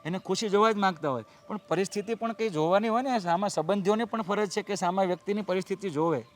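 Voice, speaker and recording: A middle-aged actor playing a humble father who pleads earnestly and tries to calm others. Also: sits high, quick pace, natural voice. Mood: pleading. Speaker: actor in a family drama.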